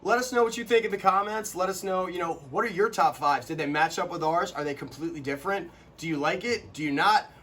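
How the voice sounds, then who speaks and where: A young man co-hosting a casual chat, animated and quick to burst into quoted lines. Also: high voice, slight background noise. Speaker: co-host.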